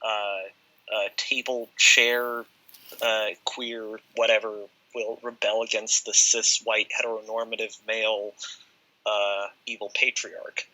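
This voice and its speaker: A man talking as a guest in a casual discussion, quick and emphatic, in a poor recording with popping. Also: fairly low pitch, little pitch movement, bright, forceful tone.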